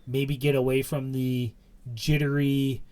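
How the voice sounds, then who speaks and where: A young man talking through wrestling matches in a loose, rambling podcast chat. His voice sits at an ordinary middle pitch, and he fills his thoughts with "like" and "you know" as he goes. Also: flat delivery, unhurried, dark tone. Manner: chatty, rambling recap with many fillers. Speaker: podcast co-host.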